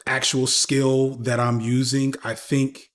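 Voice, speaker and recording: A podcast guest in his thirties talks slowly in a flat, mid-range voice. His casual, candid interview chat is full of slang, swearing and frequent restarts.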